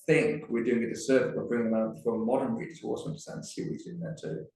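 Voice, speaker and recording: A man's voice: medium pitch, very fast, vocal fry, darkish tone. A man speaking on a live panel, thinking aloud with frequent restarts. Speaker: panel speaker on Dickens's plays. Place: museum event room. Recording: very echoey room.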